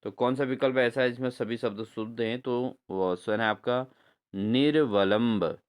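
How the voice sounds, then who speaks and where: Man, exam-prep teacher, smooth clear voice, mid pitch, quizzes viewers and spells words slowly. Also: steady tone. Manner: repeats answers as questions to viewers, addresses them as friends.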